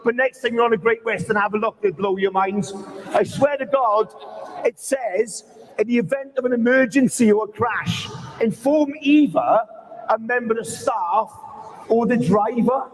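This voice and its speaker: A man's voice: extremely high pitch, moderate pace, low-quality recording. A man from Swansea with a Swansea Welsh accent, telling stand-up stories to a live event. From Swansea, Wales. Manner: swears mildly, tells anecdotes with acted-out quotes. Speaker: stand-up comedian. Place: live event at an indoor or covered market.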